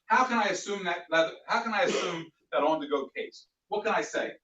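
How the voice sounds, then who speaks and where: A man leading a sales training class, animated and acting out customer exchanges. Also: sits high, a little fast. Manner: animated, plays out customer dialogues. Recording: echoey room, distant mic, dull sound.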